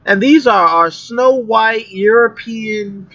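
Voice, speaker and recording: A man's voice: high voice, slow pace, bright, forceful tone. A man calling into a stream, arguing his point in a blunt, rambling way and swearing freely. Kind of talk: casual heated chat. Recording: dull lo-fi call audio.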